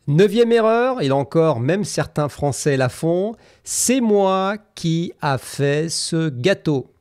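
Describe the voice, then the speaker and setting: A man leads a grammar lesson, speaking at an unhurried, measured pace and spelling out example sentences with care. His voice sits at an ordinary middle pitch. The recording is close and dry, with no room echo. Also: a little mellow. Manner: slow, carefully articulated example sentences. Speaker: French teacher. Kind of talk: scripted language lesson.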